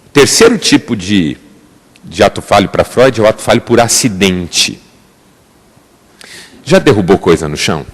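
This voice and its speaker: A man's voice: lowish voice, moderate pace, pauses often, breathy edge. A man with a Brazilian Portuguese accent preaching a sermon as pastor, telling stories with emphatic rises. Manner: lively storytelling, emphatic rises. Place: church. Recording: echoey church hall.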